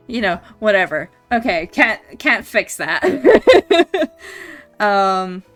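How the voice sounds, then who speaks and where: A young woman from Scotland chats casually while drawing on stream, her accent a mix that leans mostly Canadian. Her medium-pitched voice swings widely in pitch and moves extremely slowly as she rambles through ums and restarts, laughing often. Faint music plays behind her.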